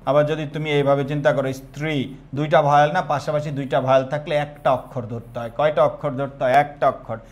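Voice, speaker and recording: A young man teaching an online exam-prep lesson, repeating key terms and quizzing students. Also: medium pitch.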